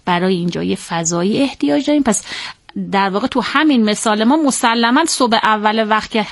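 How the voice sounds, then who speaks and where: This is a woman giving an interview as a parenting expert, with a voice of ordinary, middling pitch. She explains things step by step in a measured, methodical way and often stops to rephrase before going on.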